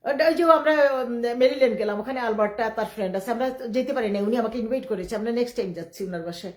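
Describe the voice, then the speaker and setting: A middle-aged woman from Bangladesh, speaking in a rambling live-stream monologue. She talks quickly and emphatically, often defiant, with many restarts. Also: fairly high pitch. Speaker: livestreamer. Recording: echoey room.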